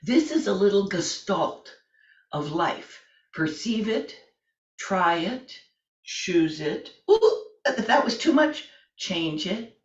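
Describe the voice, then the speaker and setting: A woman in her late sixties, a fitness and yoga instructor, gently talking a class through exercises from the floor at home, chatty and self-deprecating. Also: medium pitch, expressive, slow. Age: 60s. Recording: roomy, distant, slightly dull home video.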